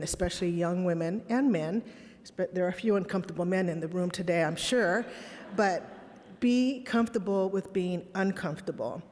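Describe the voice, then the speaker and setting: A middle-aged woman, originally a Spanish speaker from a Texas border town who grew up in Los Angeles, delivers a candid, reflective keynote full of personal stories and rhetorical questions. Her voice is lowish and somewhat dark. The conference hall is large, and the recording carries a long reverb.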